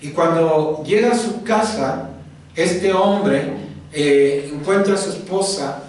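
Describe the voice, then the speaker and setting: Male pastor with a high voice, storytelling sermon, repetitive. Distant mic in a boomy church hall. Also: slow, darkish tone. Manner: repetitive, dramatic storytelling with chanted repeats.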